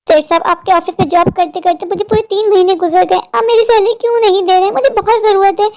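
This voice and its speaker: A woman's voice: extremely high pitch, fairly even intonation, fast, darkish tone. A woman voicing a poor young woman in a cartoon, a worried older sister who pleads in a worn-down, sorrowful way. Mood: pleading. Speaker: cartoon character. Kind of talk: Hindi cartoon voice acting.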